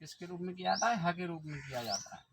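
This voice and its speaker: A man with a high voice teaches an exam-prep lesson, going step by step and often quizzing his viewers. Steady noise sits under his voice throughout the recording. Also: quick pace, vocal fry.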